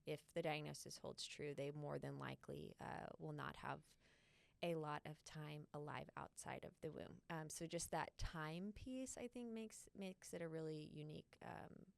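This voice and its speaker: A woman co-hosting a ministry podcast, speaking in an earnest, thoughtful way with frequent filler pauses and a gravelly fry. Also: low voice, no room sound. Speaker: podcast co-host. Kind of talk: casual podcast chat.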